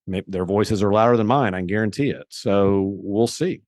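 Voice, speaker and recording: A man as an interview guest, explaining things in a measured way with frequent restarts. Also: on the low side, darkish tone, no room sound, studio quality. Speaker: guest, investor. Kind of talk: conversational interview.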